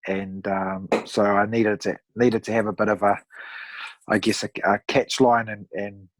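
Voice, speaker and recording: A man in his thirties with a broad New Zealand accent, chatting casually as a podcast guest in a laid-back, matey, rough-around-the-edges way. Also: lowish voice, little pitch movement, a little slow, dry recording. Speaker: podcast guest, amateur endurance athlete. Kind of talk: casual conversational storytelling.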